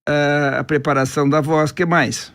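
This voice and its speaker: A man's voice: fairly high pitch, flat delivery, normal speed, a bit bright. A man hosting an interview, asking questions in a casual, conversational way with hesitant restarts. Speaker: host.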